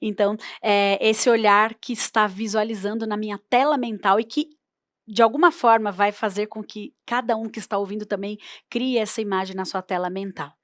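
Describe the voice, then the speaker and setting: A woman's voice: mid-range voice, fairly even intonation, moderate pace, no room sound, studio quality. A woman teaching oral storytelling in a workshop, playful and demonstrative as she varies her voice. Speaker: storytelling instructor.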